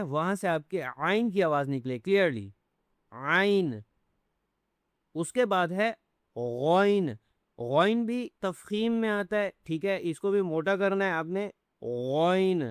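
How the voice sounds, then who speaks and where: A man with a high, smooth, resonant voice teaches pronunciation in a patient step-by-step lesson. He repeats each letter several times and keeps checking in with the listener. The sound is dry and close, with no room echo. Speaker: Quran teacher.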